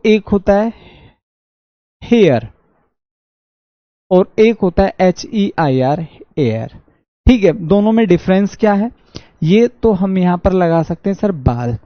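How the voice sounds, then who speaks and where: A man with a Haryanvi accent teaching an online exam-prep English class, reading sentences slowly and answering his own questions. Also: high voice, dry recording. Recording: dull dry lo-fi audio.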